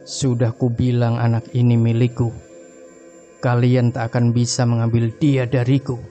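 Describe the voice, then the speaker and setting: A cruel demon queen, read by a man in a spoken horror story, taunting in a dark, flat voice. The delivery stays close to the narrator's own. Faint music plays beneath. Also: mid-range voice, normal speed, close to an everyday voice. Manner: taunting, menacing.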